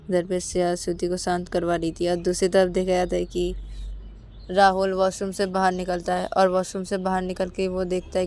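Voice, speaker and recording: A woman's voice: lowish voice, darkish tone. Casual woman storyteller narrating. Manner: loose, repetitive linking words.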